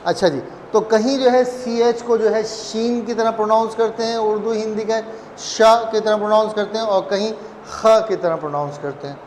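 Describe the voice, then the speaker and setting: A man whose first language is Urdu talks his way through a language lesson. His voice sits high, and his manner is loose and chatty, with joking asides and plenty of fillers. The room sounds echoey, with a long reverb tail and a faint hum of ambience behind him. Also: steady tone, moderate pace, hardly any pauses, a little mellow. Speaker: German language teacher. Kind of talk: casual spoken lesson.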